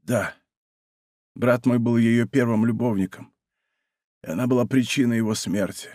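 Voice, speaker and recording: A man voicing a frightened, dying executioner who speaks in hushed, halting words and then cries out for mercy. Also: mid-range voice, fairly even intonation, dry recording, studio quality, lightly acted.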